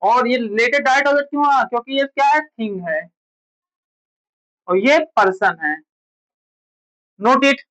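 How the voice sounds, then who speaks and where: A woman's voice: fairly high pitch, a little slow, pauses often, fairly bright tone, poor audio. A woman teaching a grammar lesson, who keeps asking her students questions and answers them herself. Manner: quizzes students with repeated questions. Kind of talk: classroom lecture.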